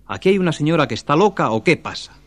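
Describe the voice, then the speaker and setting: A man's voice: on the high side, very animated, fast talker, voice pushed up. A man voicing a brusque king in a folktale, giving orders. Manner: brusque, commanding. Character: demanding king, brusque and commanding.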